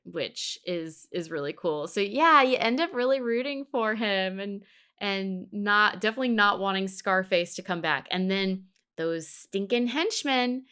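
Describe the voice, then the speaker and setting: Female podcast co-host, bright and smooth, conversational, thinking out loud. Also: mid-range voice, animated, normal speed. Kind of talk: casual discussion of an animated series.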